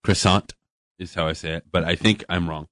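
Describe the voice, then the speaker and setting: An easygoing man with a very low voice who chats along and laughs often. His sound is close and dry, with no room around it. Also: steady tone, fast, a bit bright, dry recording. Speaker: podcast co-host. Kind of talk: casual chat.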